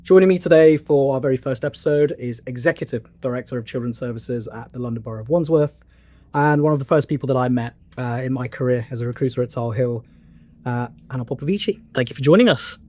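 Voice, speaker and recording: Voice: medium pitch, fast talker, a little mellow. A podcast host who works as a recruiter, asking questions in a friendly, casual way and often stumbling over the words. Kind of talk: podcast interview.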